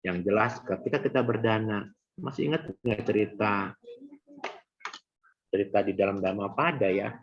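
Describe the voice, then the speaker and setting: A man's voice: on the low side, normal speed, long pauses. A middle-aged man teaching a Buddhist class in a conversational way, speaking straight to his listeners. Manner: conversational, addresses audience directly. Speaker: Abhidhamma teacher. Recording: dull lo-fi recording.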